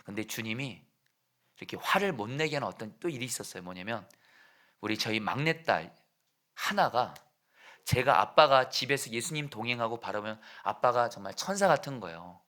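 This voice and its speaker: A middle-aged man preaching a sermon as a pastor, swinging from loud exhortation to hushed whispers and putting questions to the congregation. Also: medium pitch, expressive, moderate pace.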